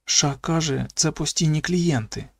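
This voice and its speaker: Whispering young boy, hushed, eager, pitched up, soft, close and dry, put on by a male narrator. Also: normal speed, vocal fry, slightly rough, no echo. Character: young boy whispering secret news at night.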